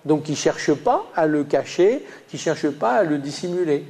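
A man lecturing a class in a somewhat high yet mellow voice, with a light Lyonnais accent. He stops and starts often, filling gaps with hesitant sounds. He talks the listeners through slides. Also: lively intonation, normal speed. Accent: Lyonnais French, slight. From Lyon, France. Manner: hesitant, many "euh" fillers and restarts.

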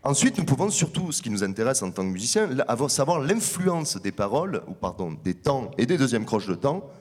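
Male researcher, measured explanatory delivery, conference talk, long hall echo. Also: medium pitch, very animated. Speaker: researcher presenting findings.

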